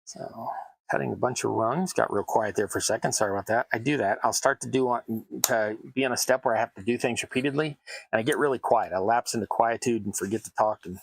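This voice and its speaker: The voice is medium-pitched, fast and gravelly with no echo: an American man casually chatting to his stream while making tabletop terrain. He rambles and runs himself down, with worktable cutting sounds behind him.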